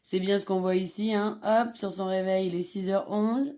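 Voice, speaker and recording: A woman's voice: mid-range voice, fairly even intonation, moderate pace, mellow. A woman teaching a slide-based grammar lesson, patiently repeating and stressing each conjugated form. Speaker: Spanish teacher.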